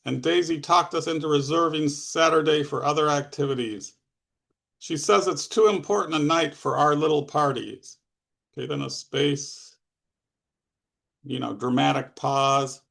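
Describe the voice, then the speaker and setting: Gravelly-voiced man reading his stories. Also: on the high side, fairly bright tone. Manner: plain, with asides and restarts. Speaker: author reading his fiction. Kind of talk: live fiction reading.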